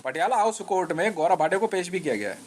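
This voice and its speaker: A man's voice: high voice, big pitch swings, quick pace, slight background noise. A man streaming live, rambling in a confrontational monologue, taunting listeners with slang and repeating himself. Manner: restless, repeats himself and restarts.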